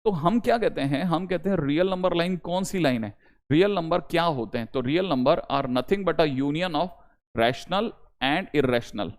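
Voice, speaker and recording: A young adult male math teacher with a somewhat high-pitched voice, giving an online lecture. He talks emphatically and keeps repeating key points, coaxing his students to note them down.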